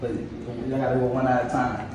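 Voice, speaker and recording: A young man asking quick, slangy questions in a casual campus street interview. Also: medium pitch, flat delivery, recorded from a distance. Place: indoor campus hall. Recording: echoey hall with loud noise.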